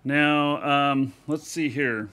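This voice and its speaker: A man's voice: fairly high pitch, steady tone, very slow, sharp tone. A man hosting a live gameplay stream, chatting casually and rambling as he goes. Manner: rambling, chatty, laughs at himself. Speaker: livestream host.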